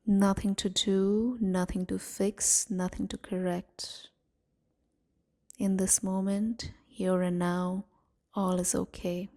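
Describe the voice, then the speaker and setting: A woman, the guide and host of a meditation series, leads a session in a soothing, gentle manner. Her mid-range voice has little pitch movement, and she leaves long pauses between short phrases.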